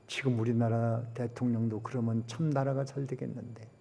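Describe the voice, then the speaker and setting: A man preaches a Sunday sermon in a large church sanctuary, his voice mellow and dark. He presses the congregation with rhetorical questions, and his words ring out with a long hall reverb. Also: mid-range voice, flat delivery, normal speed, creaky, a little hiss or hum. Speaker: pastor.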